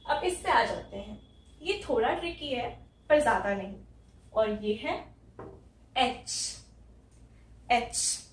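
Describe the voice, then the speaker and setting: A woman from India patiently teaches English pronunciation, repeating each letter sound slowly. Her voice sits high and unhurried. She sounds a little distant from the mic in an echoey room. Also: lively intonation, a little hiss or hum. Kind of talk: explaining letter sounds step by step.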